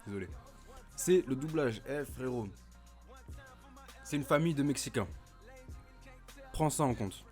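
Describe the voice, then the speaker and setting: A young man in his twenties rambles through a film review at mid pitch, tossing in slang and crude swearing between hesitations. He talks into a desk mic at home. Soft music plays faintly behind him. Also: lively intonation, unhurried, long pauses. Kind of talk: casual comedic film review. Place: at home, recording with streaming software. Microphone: desk microphone.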